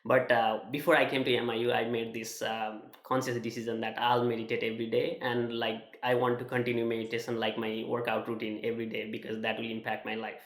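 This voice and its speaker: A young man from Nepal with a Nepali accent, sharing a personal testimonial in a halting way, with many fillers and restarts. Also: mid-range voice, monotone, fairly bright tone, roomy sound. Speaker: student sharing his experience.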